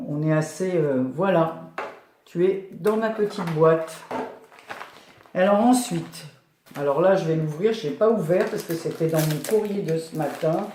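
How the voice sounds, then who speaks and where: A woman's voice: deep voice, dark tone, slight background noise. An older woman chatting casually as she opens her mail for a scrapbooking video, rambling with fillers. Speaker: scrapbooking YouTuber. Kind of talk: casual chat while opening mail. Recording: echoey room.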